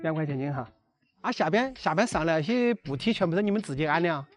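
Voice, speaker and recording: A man speaks quickly in Sichuan dialect, in the manner of a casual vlog interviewer. He is inquisitive and puts short, simple questions in an informal, chatty way. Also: fairly high pitch, lively intonation. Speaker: vlogger interviewing a villager. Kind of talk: casual chat.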